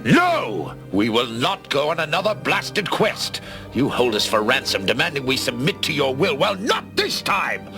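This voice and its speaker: A man's voice: mid-range voice, sing-song, measured pace, creaky, music in the background. A man playing a proud, vengeful cartoon villain lord with a pompous, declamatory delivery. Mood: furious.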